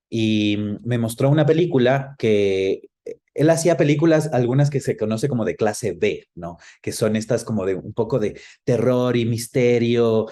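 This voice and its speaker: Being interviewed as a guest, a film professional with an Ecuadorian accent reflects on personal memories, explaining in a conversational manner. He has a mid-range voice with a dark tone.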